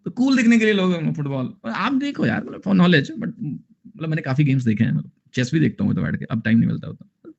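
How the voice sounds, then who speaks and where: A man's voice: a little high, very animated, fast talker, gravelly, darkish tone, breathy edge, highs cut off. A man in his thirties with an Indian accent, teaching an online math class in a chatty, joking way and slipping English phrases into his talk. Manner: chatty, jokey, mixes Hindi with English phrases.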